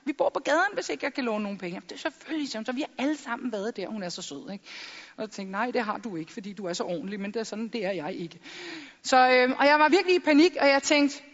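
A middle-aged woman giving a lively stage talk full of jokes and acted-out quotes. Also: sits high, in a large hall, muffled recording. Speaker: public speaker.

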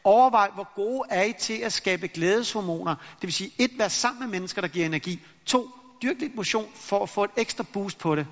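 Lively man giving a talk in a hall. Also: high voice, hardly any pauses. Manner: lively storyteller who acts out anecdotes. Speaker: motivational speaker. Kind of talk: motivational talk to an audience. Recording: long reverb in a hall, dull lo-fi sound.

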